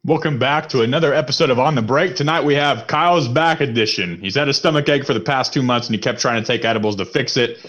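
A man's voice: mid-range voice, quick pace, few pauses, a bit bright, lo-fi sound. A man hosting a casual basketball podcast, telling long rambling stories and laughing as he goes. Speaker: podcast host. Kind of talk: casual sports chat.

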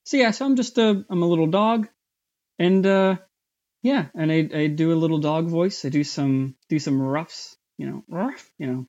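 A man chatting as an interview guest, his voice sitting a bit high and his speech halting, full of fillers and restarts. The recording sounds dull and lo-fi. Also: a little mellow. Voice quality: somewhat high voice. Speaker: voice actor guest. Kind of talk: casual interview chat.

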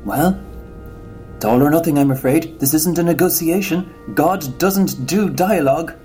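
A man's voice: fairly high pitch, normal speed, mellow, faint music behind, natural voice. A man voicing a prim, sardonic parish priest in a comedy sketch, patient and mildly scolding. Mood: dry, scolding.

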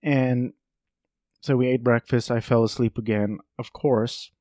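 A man's voice: medium pitch, fairly even intonation, unhurried, a little mellow, no room sound, studio quality. A man in his thirties hosting a solo comedy podcast from his home office, rambling and swearing with self-mocking asides. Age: 30s. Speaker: podcast host.

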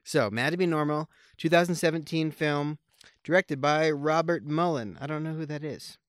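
Podcast co-host, male: easygoing rambler, smooth and resonant voice, close and dry. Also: fairly high pitch, moderate pace, fairly bright tone, no echo. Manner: rambling, with many fillers and restarts; joking, wry. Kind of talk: casual conversational film chat.

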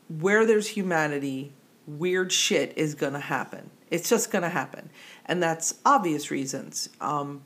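A podcast co-host with a New Jersey accent in casual, digressive chat who laughs easily. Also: mid-range voice.

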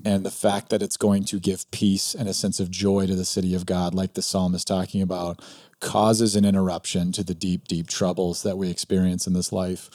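A man's voice: sits low, little pitch movement, moderate pace, dark tone, no room sound, studio quality. A man, a pastor and podcast co-host, talking reflectively in casual chat with frequent restarts.

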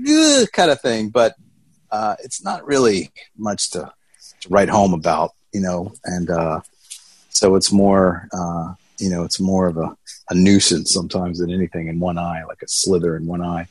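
Middle-aged American man, slightly husky, low-pitched. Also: animated, normal speed, no room sound. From Atlanta, Georgia, United States. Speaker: interview guest. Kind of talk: casual conversational interview.

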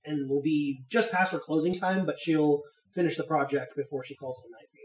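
A man running a tabletop role-playing game, improvising narration in a halting, hedging way. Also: on the high side, steady tone. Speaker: game master. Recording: roomy, distant mic, faint noise.

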